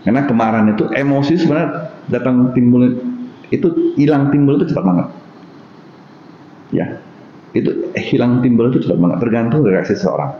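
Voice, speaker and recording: A man with a North Sumatran Indonesian accent, a podcast guest who talks through Buddhist teaching calmly, using everyday examples. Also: mid-range voice, a little fast. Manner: explains calmly with everyday examples, acts out angry exchanges. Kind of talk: casual podcast conversation. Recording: roomy, slightly dull podcast recording with faint hiss.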